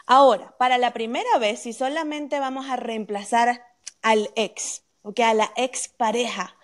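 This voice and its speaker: A woman with a slightly higher-pitched voice talks through legal questions in a methodical, explanatory way. She keeps checking that the listener is following with a quick "ok?". The tone is that of a live question-and-answer chat. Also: fairly even intonation. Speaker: legal expert on wills.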